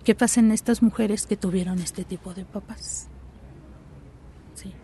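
A woman's voice: medium pitch, steady tone, measured pace, warm tone, slight background noise. A woman, a psychologist answering interview questions in a reflective, explanatory way, often checking in with short tag questions.

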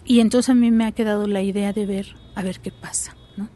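A woman's voice: mid-range voice, steady tone, a little fast, mellow. A woman, a psychologist answering interview questions in a reflective, explanatory way, often checking in with short tag questions.

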